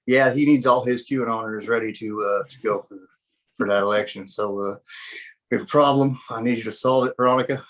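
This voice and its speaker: A man doing a folksy, drawling character who rambles on in a mock-serious tone. The voice is quick and breezy, a comic podcast bit delivered at mid pitch. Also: steady tone, a bit bright, close to an everyday voice. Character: ranting folksy man spouting conspiracy jokes.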